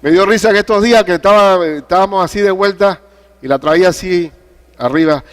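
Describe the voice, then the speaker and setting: Older guy preaching, kinda high voice, tells stories, keeps asking the crowd stuff. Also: brisk. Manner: animated preaching with storytelling and questions to the congregation. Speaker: pastor. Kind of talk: sermon.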